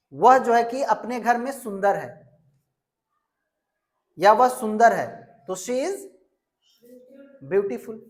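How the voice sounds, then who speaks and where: A woman's voice: a little high, darkish tone. A woman teaching an English grammar lesson, asking questions and answering them herself, and stretching out example words. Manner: drills with repeated questions and answers.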